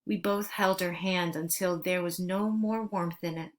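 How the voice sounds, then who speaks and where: A woman's voice: lowish voice, a little slow. Woman reading a story aloud. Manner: steady, earnest narration. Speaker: narrator.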